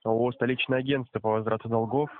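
A man's voice: medium pitch, steady tone, fast talker. A man working as a debt collector, making a formal, polite scripted call. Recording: narrow tinny phone line.

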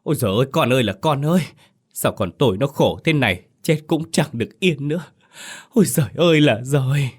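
A man's voice: mid-range voice, animated, fairly quick, husky, voice pushed up. A man voicing a grief-stricken old mother who wails over her dead son in a spoken horror story. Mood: wailing grief. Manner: wailing, sobbing cries.

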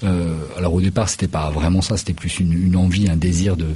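Low, husky-voiced hesitant man. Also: fairly even intonation, a little fast, mellow. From Paris region, France. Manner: hesitant, many fillers and restarts. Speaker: choreographer and festival director. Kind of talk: radio interview. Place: radio studio.

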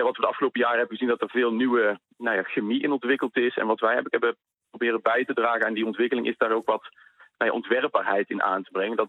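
A university researcher is interviewed by phone, and his medium-pitched voice comes through tinny and dry. He explains haltingly, with many filler words.

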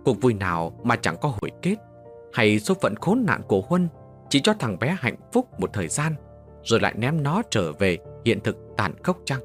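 A man narrating a dramatic story in an expressive, emotional reading. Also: mid-range voice, moderate pace. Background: soft music.

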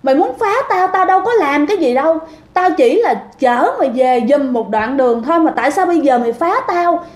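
A woman voicing a furious young man who shouts accusations at a ghost. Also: sits high, expressive, a little fast, reverberant, pitched above the performer's own voice. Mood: enraged.

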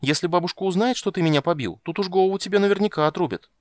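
A man reading an audiobook, voicing a stubborn, chatty little princess in a raised, excited voice. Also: sits high, dry recording, voice pushed up, lightly acted. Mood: excited, insistent. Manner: pleading, fast excited chatter.

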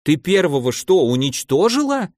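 Brief: male narrator plays a gleeful, bellowing old archmage with the temper of a child, pitched high, dry studio storybook read. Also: sing-song, normal speed, darkish tone, no echo. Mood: menacing, scolding.

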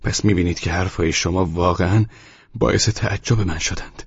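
A man reading an audiobook, voicing a meek, anxious young tenant who talks softly and apologetically. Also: low voice, fairly even intonation, gravelly, husky, heavily acted. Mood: apologetic. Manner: soft-spoken, apologetic. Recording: muffled lo-fi audio.

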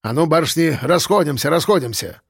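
A man voicing a gruff, bossy watchman of about fifty. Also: a little high, animated, brisk, no echo, clean studio sound. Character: man around fifty, stern and fussing watchman.

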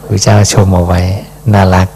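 Monk man reading scripture n explaining it slow, lowish voice, soft tag at the end of lines. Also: level tone, slight background noise. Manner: unhurried, ends phrases with a soft questioning particle. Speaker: Buddhist monk teacher.

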